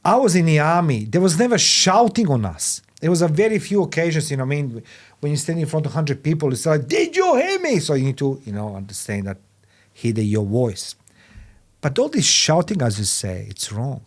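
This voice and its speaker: A man in his fifties hosting a podcast interview, rambling and repeating himself, turning loud and emphatic when he makes a point. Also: a little high, sing-song, a little fast. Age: 50s. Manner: rambling, repeats "you know what I mean", non-native phrasing. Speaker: podcast host. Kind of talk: conversational interview.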